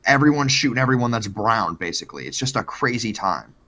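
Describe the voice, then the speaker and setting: A man's voice: medium pitch, expressive, brisk, pushed and bright. A man co-hosting a podcast, telling a true-crime story in a joking, profane, casual way. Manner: joking, profane, lots of fillers.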